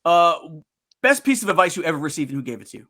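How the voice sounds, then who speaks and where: A man's voice: on the high side, very animated, fast talker, bright, forceful tone. A male talk show host chatting casually, upbeat and repeating himself. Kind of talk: casual chat.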